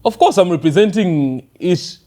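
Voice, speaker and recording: A man's voice: high-pitched, normal speed, a crowd in the background. A young Zambian man, a rapper guest, chatting casually in an interview, with a Zambian accent and lots of fillers and code-switching. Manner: relaxed, mixes English and local language, many fillers.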